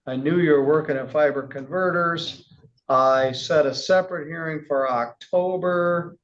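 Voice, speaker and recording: A man speaking as a judge to a defendant in court, calm but turning angry as he sternly scolds. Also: a little high, measured pace, muffled recording.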